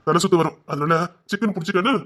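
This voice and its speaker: An actor playing a caring father who soothes and coaxes his crying daughter in a TV serial, repeating himself gently. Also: sits high, quick pace. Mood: soothing. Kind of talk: TV serial drama.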